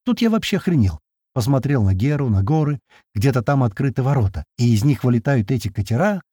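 A man narrating a first-person audiobook in a colloquial, wry and expressive way. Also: mid-range voice, brisk, husky, no echo, studio quality.

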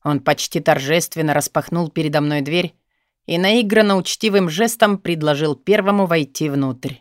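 A man's voice: on the high side, moderate pace, no echo. A man narrating an audiobook, dry close sound.

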